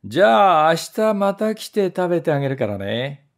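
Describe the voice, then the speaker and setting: A man's voice: sing-song, unhurried, a little mellow. A man voicing a sly, ungrateful little male mouse who talks down to others and wails shrilly when wronged. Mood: smug. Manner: smug and condescending, turning to shrill wailing.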